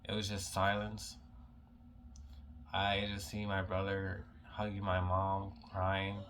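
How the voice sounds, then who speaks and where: A young man telling a personal story in a casual vlog, halting and emotional, full of "like" fillers, holding back tears. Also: low voice, completely flat delivery, a bit bright, slight background noise.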